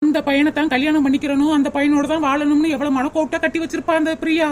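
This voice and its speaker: A woman's voice: high voice, little pitch movement, slight background noise, natural voice. A woman voicing a kind young village woman in a cartoon, consoling and sympathetic, with a southern Tamil accent. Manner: sympathetic, consoling, fast talker. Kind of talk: dubbed cartoon comedy.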